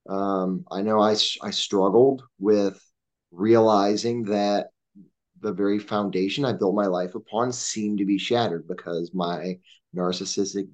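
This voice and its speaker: A man, a combat veteran, talking reflectively and hesitantly with many pauses and restarts. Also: lowish voice, a little mellow. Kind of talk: reflective conversation. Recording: dull lo-fi sound.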